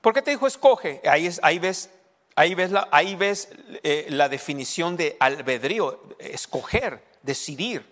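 A pastor teaching a sermon to his congregation, halting and repeating words, often checking whether they follow. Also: on the high side, expressive, fairly bright tone. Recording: long hall reverb.

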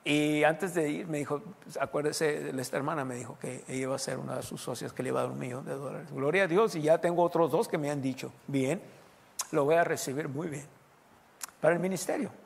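A man preaching a sermon as pastor, animated and mimicking people's voices. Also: on the high side, brisk, creaky, breathy edge. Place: church. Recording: reverberant church hall.

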